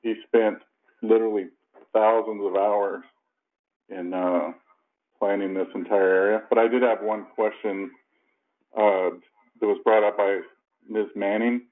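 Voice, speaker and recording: A middle-aged man, a commissioner, asking questions in a formal but halting way at a public hearing, heard over a landline phone. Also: fairly low pitch, flat delivery. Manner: measured, halting, with many fillers. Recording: tinny landline phone line.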